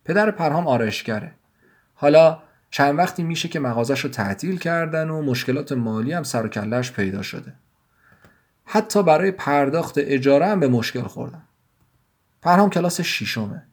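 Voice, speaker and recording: A man with a somewhat raised voice reads his own short story aloud. He narrates in a measured, even way, with steady scripted delivery. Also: a little high. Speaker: writer and narrator.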